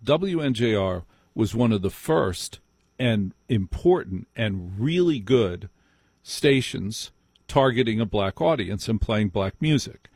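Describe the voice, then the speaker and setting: This American man from New Jersey hosts a live call-in radio show, speaking emphatically and repeating phrases for effect. His voice sits on the low side and comes out slow, expressive, a little mellow, with a breathy edge. The studio sound is clean, with no room sound.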